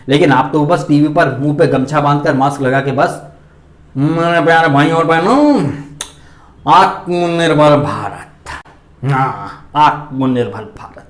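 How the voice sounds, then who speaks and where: Guy ranting about politics on his channel, kinda high voice, lots of angry what-did-you-do questions, echoey room. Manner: indignant, rhetorical questions. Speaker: vlog host and political commentator. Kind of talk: opinionated political commentary.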